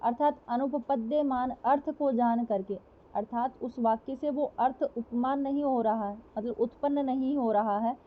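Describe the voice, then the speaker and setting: Lo-fi woman teaching, high voice. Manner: asks questions and answers them herself, repeats examples slowly. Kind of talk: explanatory classroom lecture. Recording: dull lo-fi recording.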